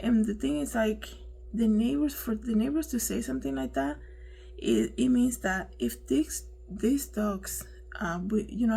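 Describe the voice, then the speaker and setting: Chatty woman with a gravelly, mellow voice. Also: on the high side, poor audio. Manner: chatty, keeps asking "right?", preachy asides. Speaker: online commentator. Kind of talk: casual commentary on a news story.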